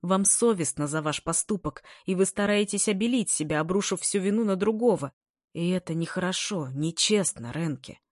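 A woman reading a story, voicing a calm, serious and honest young student. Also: fairly low pitch, normal speed, no room sound, clean studio sound, close to an everyday voice. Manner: calm, serious, slightly mocking.

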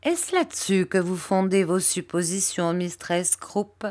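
A bashful young man in love, earnest and formal, keeping his replies stiffly polite , read by a woman. The voice sits low-ish for a woman and moves with lively pitch. An audiobook character in a classic novel reading. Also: a little slow.

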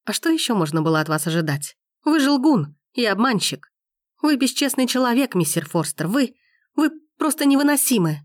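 A woman's voice: on the high side, very animated, normal speed, no echo, studio quality, voice pushed up. A woman voicing a fiery, indignant young heroine who hurls heated, accusing exclamations. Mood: furious.

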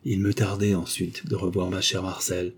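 A man reading the lines of a calm, earnest viscount who gives grave, persuasive counsel in an audiobook. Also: sits low, normal speed, slightly rough. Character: calm, earnest male viscount, loyal friend.

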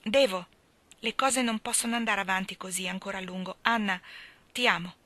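A woman voicing an earnest young man in an audiobook, speaking calmly and low. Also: fairly quick, no echo, lightly acted. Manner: calm, low and subdued.

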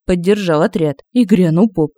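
On a close home-studio mic with no room sound, a woman reads a funny fantasy audiobook at a moderate pace. Her lowish voice stays expressive and lively throughout.

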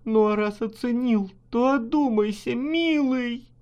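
A man voicing a shrill, pleading young wife. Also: lively intonation, unhurried, a little mellow. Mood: tearful pleading. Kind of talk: dramatic audiobook reading.

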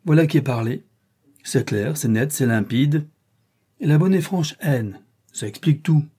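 A bold, sardonic male bandit captain from an adventure audiobook, ironic in every line, voiced by a male reader. The voice is mellow and dark with a husky edge. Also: fairly high pitch, lively intonation, a little slow. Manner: ironic, mocking. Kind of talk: audiobook reading.

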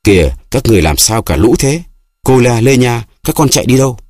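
A man reading an audiobook voices a proud, hysterical destitute widow, pleading and scolding in a raised, shrill voice. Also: animated, moderate pace, darkish tone, slightly rough, no room sound, clean studio sound. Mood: frantic.

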